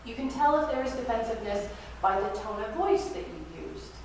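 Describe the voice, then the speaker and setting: Woman pastor, higher voice, reflective sermon at a pulpit microphone, distant mic, faint hiss. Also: expressive, fairly quick, heavy reverb. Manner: gentle, reflective, invites listeners to practice. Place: church sanctuary.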